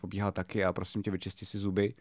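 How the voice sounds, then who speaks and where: Chatty man with a low voice. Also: completely flat delivery, dry recording, clean studio sound. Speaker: podcast co-host, father. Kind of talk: casual chat.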